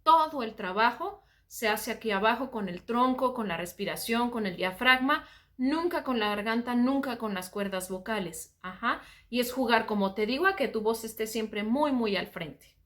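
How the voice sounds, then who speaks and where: Bright-voiced Mexican woman explaining vocal technique. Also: a little high, normal speed. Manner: calm explanatory talk, often saying "ajá". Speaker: voice and singing teacher. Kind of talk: explaining singing technique with sung examples.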